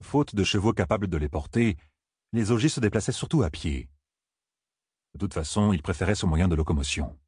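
Guy narrating an audiobook, low husky voice, calm and measured, close mic. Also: no echo. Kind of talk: scripted narration.

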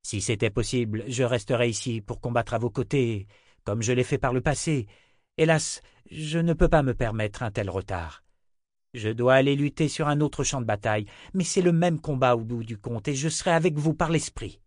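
A man voicing a resolute lordly hero, earnest and declaiming, a little higher than his narration. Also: moderate pace, no room sound, clean studio sound, lightly acted.

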